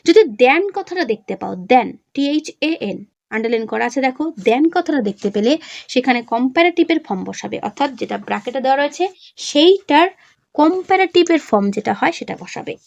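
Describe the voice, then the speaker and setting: A woman's voice: high-pitched, lively intonation, gravelly, no room sound. A woman with a Bengali accent teaching an English revision lesson step by step, asking questions and answering them herself. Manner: reads example sentences slowly.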